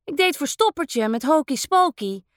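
A woman voicing an excited little boy at bedtime, eager and bright. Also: sits high, moderate pace, dry recording, studio quality, voice pushed up.

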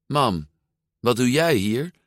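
A man's voice: medium pitch, animated, slow pace, fairly bright tone, no echo, studio quality, voice pushed up. Man doing a protective, earnest mother. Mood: concerned. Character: caring mother, worried and protective.

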